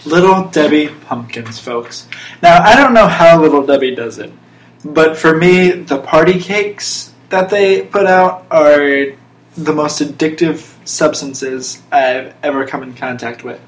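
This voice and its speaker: A young adult man's slightly high voice moves at a measured pace as he hosts a casual podcast full of playful monologues. His manner is emphatic and mock-serious, and the recording carries a roomy echo over faint noise.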